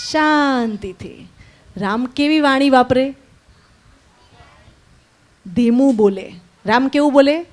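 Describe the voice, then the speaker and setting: A high-pitched woman teaches a group of children, calling out short lines for them to repeat. She tells a story, asking them questions along the way. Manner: slow call-and-repeat blessings, then lively storytelling with questions to the children. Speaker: spiritual teacher at a children's summer camp. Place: indoor camp hall with children.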